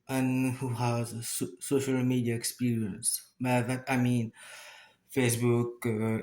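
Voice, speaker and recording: A man with a Mauritian accent and Mauritian Creole as his first language talks casually to viewers, halting as he searches for words and repeats phrases. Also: medium pitch, darkish tone. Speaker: YouTuber making a first video.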